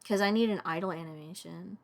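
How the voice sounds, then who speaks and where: A woman's voice: lowish voice, fast talker, creaky. Young woman rambling on a craft stream. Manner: rambling, talks to herself and chat, mutters. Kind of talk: casual live-stream chat while animating.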